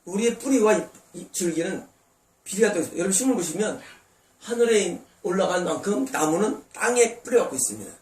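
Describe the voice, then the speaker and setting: Male pastor, high voice, sermon with rhetorical questions, distant mic in an echoey sanctuary. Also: expressive, a little fast. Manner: preaching with rhetorical questions to the congregation. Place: church sanctuary.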